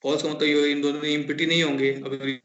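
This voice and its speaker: A man's voice: fairly high pitch, level tone, fast talker, a bit bright. Guy on a laggy video call, his voice keeps cutting out, muffled and roomy, stumbling through an explanation. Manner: hesitant, repeats "matlab ki", addresses the teacher as sir. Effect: choppy, breaking-up video call audio. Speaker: student presenting code in an online class. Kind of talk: halting technical explanation. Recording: dull, echoey video call audio.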